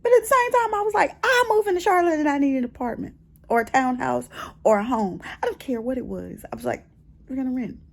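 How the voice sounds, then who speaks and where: This vlogger, a middle-aged American woman at home in her bedroom, has a high-pitched, creaky voice and talks fast and animatedly. She chats casually, telling her story with lots of expression and repeating phrases for emphasis.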